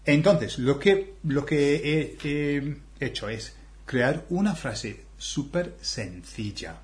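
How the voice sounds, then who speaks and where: Man, from England, casual video host, unhurried delivery, lively swinging pitch, stops and restarts. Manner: animated, hesitant restarts. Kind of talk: casual chat.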